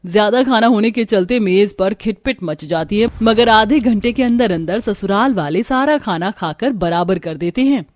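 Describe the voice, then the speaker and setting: A woman's voice: mid-range voice, normal speed, few pauses. A woman narrating a cartoon family story in a scripted storytelling style. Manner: storytelling, voices the family members too.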